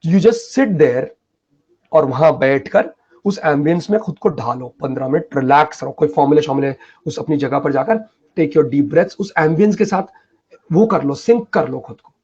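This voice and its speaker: High-voiced man giving emphatic advice. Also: normal speed, darkish tone, husky, muffled recording. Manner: emphatic, colloquial, often switching into English phrases. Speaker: mentor answering students' questions. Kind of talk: casual live Q&A advice.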